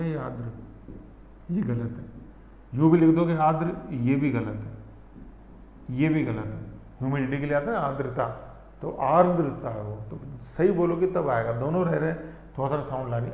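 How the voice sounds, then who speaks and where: Man, teacher, exam-prep lesson, chatty check-ins, long reverb, muffled lo-fi sound. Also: medium pitch. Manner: conversational, checks in constantly with "thik hai"; spells out pronunciation slowly, syllable by syllable. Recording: echoey, dull lo-fi room recording.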